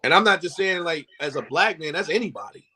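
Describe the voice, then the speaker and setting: A man with a notably high voice, co-hosting a casual podcast. He tells stories in an animated way and often repeats himself as he builds a point. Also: fast talker, slight background noise. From New Jersey. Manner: animated storytelling, repeats phrases. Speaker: podcast co-host. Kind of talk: casual chat.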